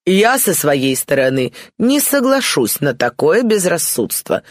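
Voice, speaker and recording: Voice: mid-range voice, lively intonation, moderate pace, no room sound, clean studio sound, natural voice. A reader doing a pompous old dowager. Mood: stately. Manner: stately, grandiose. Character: older aristocratic dowager mother, pompous and anxious.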